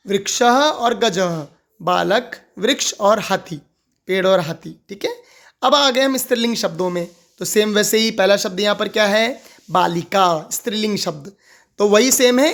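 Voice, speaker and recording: Teacher drilling words with repeated questions. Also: medium pitch. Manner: asks questions and answers them, repeating key words. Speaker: Sanskrit teacher. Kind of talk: recorded lesson explanation.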